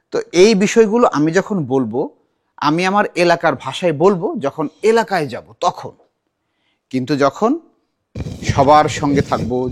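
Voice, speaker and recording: A middle-aged man teaching a children's recitation class, animated and asking the class many questions. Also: on the high side.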